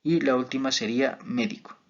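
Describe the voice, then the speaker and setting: Man, student, class presentation, deliberate pace, fillers, muffled sound. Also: medium pitch, steady tone, fairly bright tone. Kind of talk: explaining examples in a class presentation.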